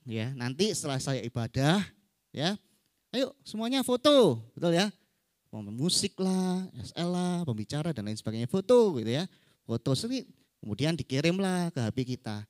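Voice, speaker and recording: A preacher giving a conversational sermon at a church service, often tagging sentences with quick questions to the congregation. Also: medium pitch, a little mellow, no room sound. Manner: conversational, acts out stories, frequent tag questions.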